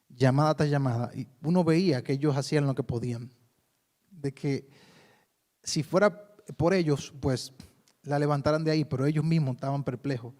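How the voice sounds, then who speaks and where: A man's voice: on the high side, mellow. A man preaching a sermon in a conversational way, often calling his listeners brother. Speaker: pastor.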